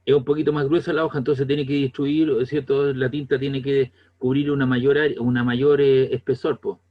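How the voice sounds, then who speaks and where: A man's voice: mid-range voice, level tone, normal speed, muffled recording. A man with a Chilean accent giving a classroom lecture in a conversational way, often checking whether the students follow. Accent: Chilean Spanish. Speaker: teacher.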